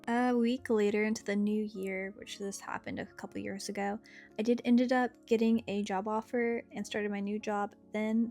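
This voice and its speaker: A young adult woman shares her own experience in a relaxed, conversational story-time narration. Guitar music plays behind her mid-range, darkish-toned voice.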